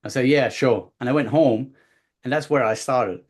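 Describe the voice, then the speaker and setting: A man's voice: mid-range voice, moderate pace. A Belgian-born man in his fifties shares his journey as a guest speaker over a video call. He tells it casually and with lots of energy, restarting his sentences often and acting out what other people said. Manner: animated, many restarts and acted-out quotes. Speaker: guest speaker, body language coach. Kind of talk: casual storytelling.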